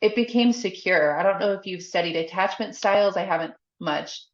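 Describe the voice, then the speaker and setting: On a podcast with echoey, slightly dull sound, a woman who works as a faith coach chats openly as a guest, frequently laughing and saying "like." Her voice is on the low side, and she speaks a little fast.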